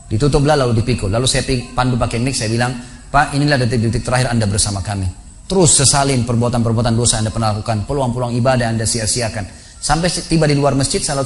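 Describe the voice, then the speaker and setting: A man's voice: medium pitch, slight background noise. A man preaching a sermon in a mosque, telling a story and acting out the dialogue, building to emotional peaks. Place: large mosque.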